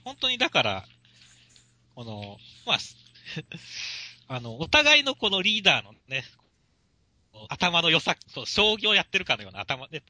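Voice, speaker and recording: A man co-hosting a casual talk show, chatting quickly and responding with frequent agreement. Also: medium pitch, bright, forceful tone, no echo. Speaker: podcast co-host reviewing manga. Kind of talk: casual chat.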